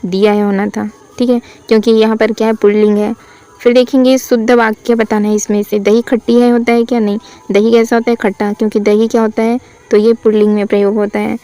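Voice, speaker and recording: A woman teaching a Hindi grammar lesson for exam practice. She reads sentences out slowly, asks what is wrong and answers herself. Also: a little high, flat delivery, warm tone, smooth, poor audio. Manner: asks questions then answers them herself.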